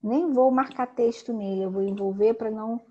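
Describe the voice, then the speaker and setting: A woman teacher walks students through a grammar lesson. Her voice is somewhat husky and a little higher than average. She stresses each rule slowly and checks in often with quick tag questions. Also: dark tone, lo-fi sound. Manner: slow emphatic explaining with frequent tag questions.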